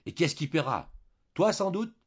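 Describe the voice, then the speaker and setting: A man voicing an angry, impatient young husband who shouts sharp retorts in a storybook reading. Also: fairly low pitch, lively intonation, fast, husky, lo-fi sound. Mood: furious.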